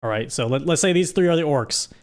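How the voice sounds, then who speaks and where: A man's voice: a little high, animated, quick pace. A man streaming live, recapping a story in a rambling, joking way. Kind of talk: casual live-stream chat.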